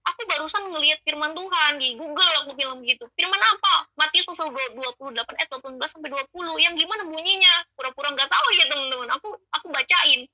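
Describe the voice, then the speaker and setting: A woman's voice: high-pitched, quick pace, few pauses, sharp tone, dry recording, low-quality recording. A woman giving an earnest, emotional spoken testimony of her conversion, addressing listeners as friends.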